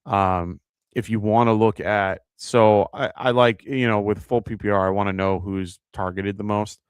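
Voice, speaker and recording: A New York–accented host of a live fantasy football broadcast fields viewer questions casually, musing out loud with plenty of fillers. He speaks in a lowish, smooth voice at normal speed and a steady tone, recorded cleanly in a studio with no echo.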